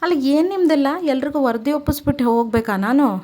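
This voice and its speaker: A woman's voice: medium pitch, brisk, close to an everyday voice. A woman voicing a fearless, sarcastic young wife who answers back with biting remarks.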